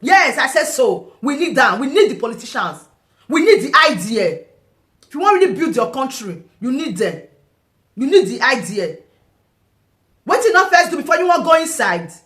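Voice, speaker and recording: A Nigerian woman with a bright, forceful voice, pitched a little high, delivering combative vlog commentary. She taunts and fires off rhetorical questions. Her voice bounces around an echoey room. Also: sing-song, normal speed, pauses often. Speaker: online political commentator.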